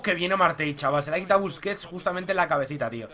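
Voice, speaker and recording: A young man from commentating his own football video game match, talking to viewers and shouting at goals. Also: on the high side, fast talker. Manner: excitable, shouts at goals, addresses viewers as "chicos". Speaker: gaming YouTuber.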